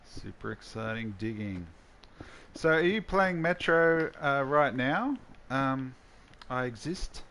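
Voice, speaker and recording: Slow, low-key man thinking aloud. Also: lively intonation, a bit bright, slight background noise. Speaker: host. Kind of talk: casual gameplay commentary.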